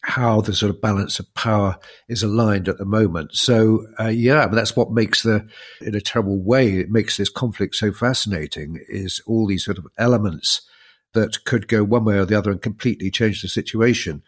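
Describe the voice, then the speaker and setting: Croaky man with a lowish voice. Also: moderate pace. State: croaky from illness, recovering. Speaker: podcast co-host. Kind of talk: conversational analysis.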